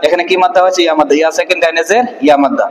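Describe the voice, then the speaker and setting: Guy teaching quran reading, high voice, asks then answers himself, echoey room. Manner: asks questions and answers them himself, spells syllables slowly; stretches out recited words in a slow chant. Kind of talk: online Quran reading lesson.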